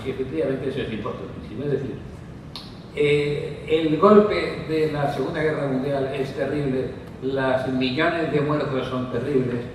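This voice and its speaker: A man delivers a meandering panel talk, full of fillers and little asides to the audience. His voice sits a bit high, picked up from far away in a long-reverb hall, with clear background noise. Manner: discursive, with frequent fillers and asides. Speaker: panel speaker. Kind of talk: conference talk. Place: conference hall. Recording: distant mic in echoey hall with noise.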